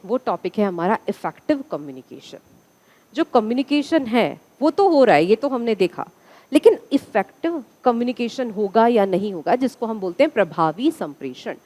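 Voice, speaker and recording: Woman teacher, classroom lecture, higher voice, lively up-and-down pitch, quizzes the class. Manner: asks the class questions and answers them herself.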